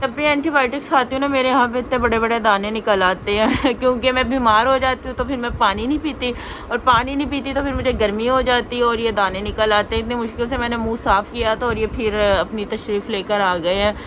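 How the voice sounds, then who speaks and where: A young woman talks in a chatty, confiding way for her vlog, voice a little high. Her throat is sore after a flu. A faint hum of noise sits behind her. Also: steady tone, fairly bright tone. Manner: chatty, confiding, drawn-out complaints. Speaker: vlogger. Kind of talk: casual home vlog chat.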